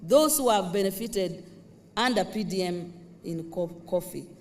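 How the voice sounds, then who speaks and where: Ugandan-accented man, formal official speech, deliberate, high voice, faint outdoor noise. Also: expressive. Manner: formal, deliberate, reads out figures. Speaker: official addressing the president. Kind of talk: formal speech reading statistics.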